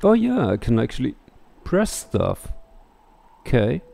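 With huge pitch swings around a medium base, vocal fry, and a mellow, unhurried delivery, a middle-aged man reads game text aloud and chats through a casual let's play. The sound comes through a headset mic in a small home room, over faint game music.

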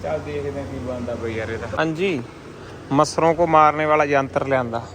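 A man's voice: medium pitch, normal speed, noisy background. A man with a Malwai Punjabi accent, chatting casually to camera about his pigeons. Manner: chatty, jokey, talks to boys and pets around him. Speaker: pigeon keeper vlogger. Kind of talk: casual vlog talk to camera.

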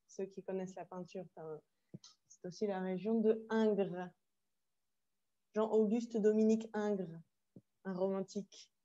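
Woman teacher, explaining slowly. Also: mid-range voice, fairly even intonation, mellow, highs cut off. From France. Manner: slow, careful explaining with asides in Spanish. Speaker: French teacher. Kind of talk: online language workshop. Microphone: video call.

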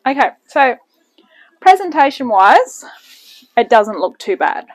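With a high voice, big pitch swings and a slow delivery, this woman runs a relaxed cooking demonstration at home for her channel, rambling and self-deprecating as she goes. The recording is rough.

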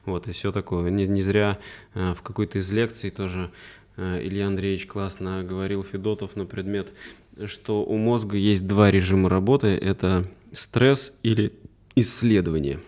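A man, a psychotherapist co-hosting a podcast, explaining things with many pauses and fillers. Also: sits low, steady tone, a little mellow. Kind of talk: casual conversation.

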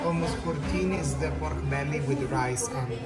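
A man's voice: fairly high pitch, moderate pace. Man, forties, chatty food tour guide, enthusiastic, music playing behind. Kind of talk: casual food tour chat.

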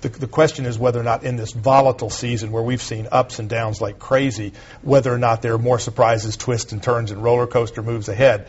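Man, political panelist, rapid-fire delivery, husky tone, dull broadcast sound. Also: mid-range voice, steady tone. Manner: quick, assertive partisan analysis. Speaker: conservative talk show host, panelist.

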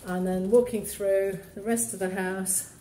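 This estate agent has a mid-range, mellow voice with fairly even intonation and a measured pace, plus slight background noise. Holding her phone camera as she walks, she gives a walkthrough of a vacant, shabby townhouse, noting its features plainly and practically. Her words echo off the bare rooms against a faint ambience.

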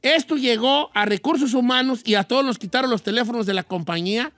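A man's voice: very high-pitched, quick pace, fairly bright tone, no echo. A man voicing a bawdy old rancher who hosts a comedy radio show, teasing and telling stories. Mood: amused. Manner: teasing, storytelling with acted quotes. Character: cranky old male Mexican rancher, bawdy. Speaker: radio host.

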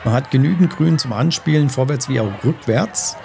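Mellow man thinking aloud while gaming. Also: medium pitch, normal speed, creaky. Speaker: gaming host. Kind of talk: casual let's-play commentary, thinking aloud. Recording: faint background game noise. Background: golf game ambience.

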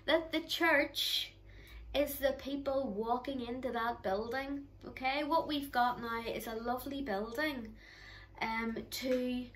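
A woman's voice: high voice, slow, slight background noise, poor audio. Chatty Northern Irish woman talking to children. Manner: warm, chatty and encouraging, speaking to the children directly. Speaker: children's church leader. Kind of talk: online children's church talk. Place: living room at home, indoors.

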